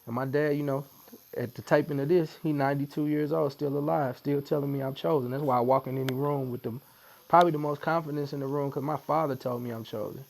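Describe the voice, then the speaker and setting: A man with a St. tells his story in a relaxed, chatty way. His voice has a gravelly edge, and he slips into the voices of the people he quotes. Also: a little high, quick pace. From Missouri, USA. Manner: animated storyteller who acts out quotes. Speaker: podcast guest. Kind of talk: storytelling in casual conversation.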